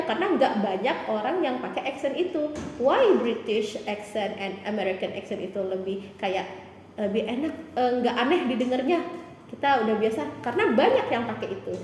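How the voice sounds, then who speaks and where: A woman English teacher with a Palembang accent, giving encouraging, animated answers in an interview. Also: fairly high pitch, a little hiss or hum. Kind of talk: explanatory interview answers mixing Indonesian and English. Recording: echoey hall.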